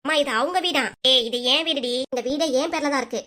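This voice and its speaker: A woman voicing the bickering family members of a cartoon, with a southern Tamil Nadu accent and a sharp, rapid-fire manner. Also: high-pitched. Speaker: cartoon voice performer. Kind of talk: quarrelsome family cartoon dialogue.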